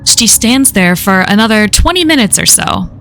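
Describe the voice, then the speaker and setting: A woman reading a horror story aloud on a live stream, in a measured storytelling manner that slows at the tense moments. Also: mid-range voice, animated, a bit bright, soft background music.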